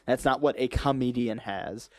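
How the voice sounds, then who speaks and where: A man's voice: medium pitch, moderate pace, no room sound, clean studio sound. Blunt opinionated podcast host, man. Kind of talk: casual chat.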